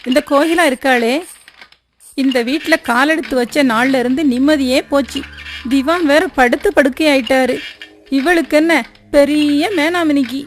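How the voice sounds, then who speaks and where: A woman's voice: high-pitched, moderate pace, slight background noise, natural voice. An actress playing a scheming, greedy middle-aged woman who plots over a family fortune and scolds with sly self-pity. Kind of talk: period film drama acting.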